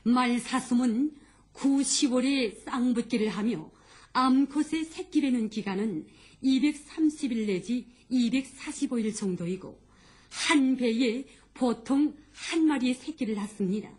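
Female announcer, North Korean accent, higher-set voice. Scripted news narration, formal and measured. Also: darkish tone, breathy edge.

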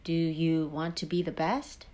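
A woman voicing a gentle, caring frog father in a children's story. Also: medium pitch, normal speed, close to an everyday voice. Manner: gentle, calm.

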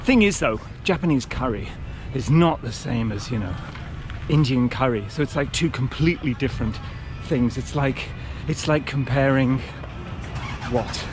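A man's voice: mid-range voice, lively intonation, normal speed, music in the background. A middle-aged man giving casual, dryly humorous vlog commentary in loose short phrases while out running. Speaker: running vlogger. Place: outdoors on city pavements and riverside paths. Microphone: action camera held at arm's length. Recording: outdoor traffic and ambient noise.

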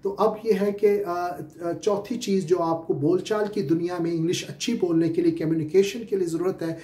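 A man's voice: high voice, steady tone, normal speed, dark tone, reverberant. A Pakistani-accented man teaching spoken English as a lecture, explaining step by step with many filler sounds and repeated questions. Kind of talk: classroom-style lecture.

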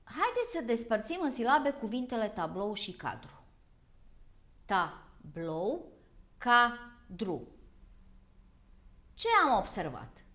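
A woman from Vojvodina with a local Romanian accent, teaching a school grammar lesson in a slow, deliberate way. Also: on the high side, sing-song, a bit bright. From Vojvodina, Serbia. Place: broadcast TV lesson.

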